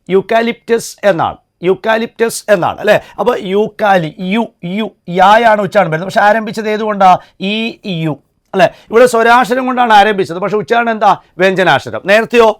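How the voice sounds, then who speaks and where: A man with a high voice teaching a grammar class for exam students. He poses a question, then answers it himself, and repeats the key words. He slows down to sound out letters one by one. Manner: spells out letters and sounds slowly. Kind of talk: classroom-style grammar lesson.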